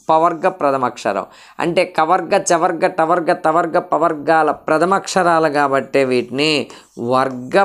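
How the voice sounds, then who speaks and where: A man teaching an exam-prep grammar lesson, asking questions and answering them himself while drilling lists of letters. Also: fairly high pitch. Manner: drills lists with shifting pace.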